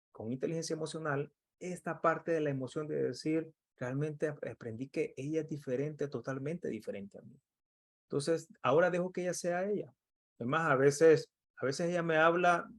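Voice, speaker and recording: Earnest man, motivational coach. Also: on the high side. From El Salvador. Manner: earnest, conversational, acts out quoted dialogue. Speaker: emotional intelligence coach. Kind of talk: motivational talk.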